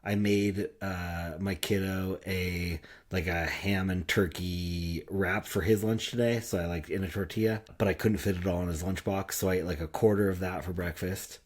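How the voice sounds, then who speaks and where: A man's voice: sits low, steady tone, normal speed, few pauses. A man in his thirties co-hosting a podcast, chatting casually and rambling with lots of fillers. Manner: laid-back, rambling with fillers. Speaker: podcast co-host. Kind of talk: casual chat. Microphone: podcast microphone.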